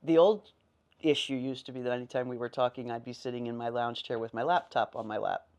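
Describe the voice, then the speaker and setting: A woman's voice: rumbling low, fairly even intonation, brisk, a little mellow. A middle-aged woman co-hosting a podcast, telling family stories in casual chat and laughing often. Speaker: podcast co-host.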